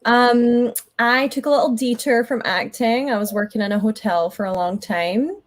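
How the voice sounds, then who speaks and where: A woman's voice: on the high side, moderate pace. A Scottish woman in her thirties, a guest actor chatting casually in an interview, with frequent ums and laughter. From Scotland.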